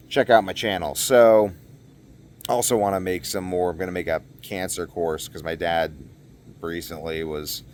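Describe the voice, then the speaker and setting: A man with a low-sitting voice talks to his viewers in an unscripted vlog, with slight background noise. He rambles earnestly, often repeating phrases for emphasis.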